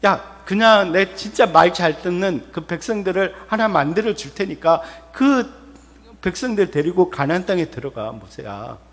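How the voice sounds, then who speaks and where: A man's voice: high voice, animated, moderate pace, in a large hall. A man preaching, voicing God as an exasperated figure who scolds Moses bluntly and casually.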